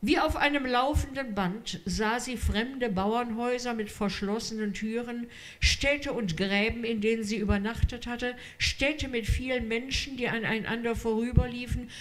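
Female reader, unhurried literary read-aloud, calm and measured. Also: a little high. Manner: slow, measured storytelling.

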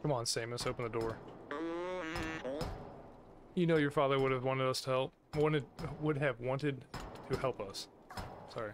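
A man's voice: mid-range voice, moderate pace, pauses often, background noise. A man hosting a gaming video, reading the game's dialogue aloud as he plays. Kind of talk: reading game dialogue aloud during let's play.

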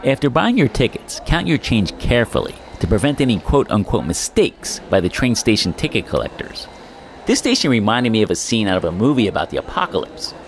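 A man's voice: lowish voice, very animated, fairly quick. A middle-aged man narrating a travel vlog and talking to the camera outdoors by a railway platform, wry and emphatic. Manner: wry, emphatic, repeats for effect. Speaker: travel vlogger. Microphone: camera held close, face in frame. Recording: loud outdoor background noise.

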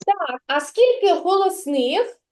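Patient, high-voiced kindergarten teacher. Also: female voice, expressive, a little mellow. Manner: patient, praising, slow and clear. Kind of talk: literacy lesson with a child.

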